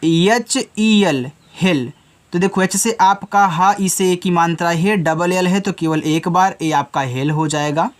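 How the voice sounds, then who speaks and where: A man teaching a slow, patient phonics lesson to children, spelling each word letter by letter and addressing the learners as children. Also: high-pitched. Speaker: English teacher.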